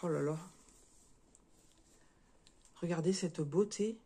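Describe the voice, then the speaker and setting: A slightly hoarse woman chatting casually to her viewers as she opens a parcel, with many fillers and restarts. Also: on the low side, slow pace, dark tone, slight background noise. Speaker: crafting video creator. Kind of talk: casual unboxing chat to viewers.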